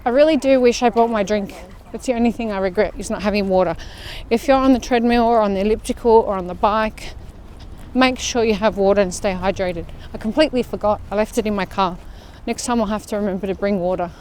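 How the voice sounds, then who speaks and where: An Australian woman talks her listeners through a walk in a casual, chatty way, sounding like she is moving outdoors. Her voice sits at an ordinary middle pitch, with faint outdoor sound in the background. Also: fast talker, darkish tone, slight background noise. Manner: chatty, talking while walking outdoors. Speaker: fitness vlogger leading a walk. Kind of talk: casual walk-along chat. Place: outdoor park path.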